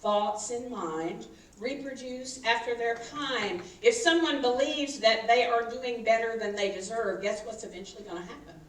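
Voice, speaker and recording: A woman's voice: fairly high pitch, moderate pace, hardly any pauses. Woman minister preaching in an echoey hall. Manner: animated, leads call-and-response with the congregation. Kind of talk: sermon. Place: church sanctuary. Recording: echoey hall, mic from far off, faint noise.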